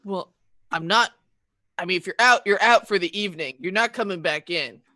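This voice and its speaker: Gate guard for a tabletop RPG, played by a woman: bright, forward voice, flustered, grudgingly firm. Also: lowish voice, moderate pace, no echo, clean studio sound. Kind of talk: tabletop game role-play.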